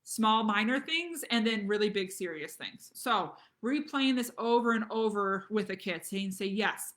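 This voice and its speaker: A woman's voice: medium pitch, animated, normal speed, fairly bright tone. A young adult woman, a pediatric nurse practitioner, giving conversational parenting advice and often checking in with "okay?".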